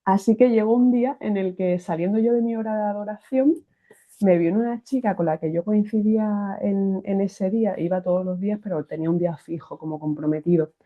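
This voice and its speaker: A woman with a Spanish accent from Spain tells her faith testimony with energy, often breaking off and restarting her sentences. Her voice sits at a medium pitch and comes through thin and tinny, like a phone line. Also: a little fast. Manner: animated, restarts phrases, acts out quoted voices. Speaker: guest giving a faith testimony. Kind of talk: personal testimony storytelling.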